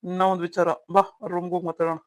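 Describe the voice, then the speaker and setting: A man's voice: high-pitched, monotone, rapid-fire, dry recording, natural voice. A man voicing an earnest, pleading younger brother. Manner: pleading, emotional. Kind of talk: cartoon story voice acting.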